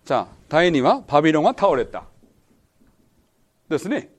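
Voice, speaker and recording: High, lively-voiced man leading a Bible lesson. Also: normal speed. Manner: quizzes the audience, repeats key words. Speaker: pastor teaching a Bible study. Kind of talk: sermon-style Bible lesson.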